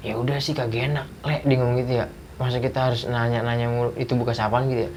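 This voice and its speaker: A man's voice: medium pitch, very fast. Guy telling a spooky story in slang, acts out the voices, bit of background hiss. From Jakarta. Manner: animated retelling with acted dialogue, slangy. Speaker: guest storyteller. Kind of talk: casual ghost story telling.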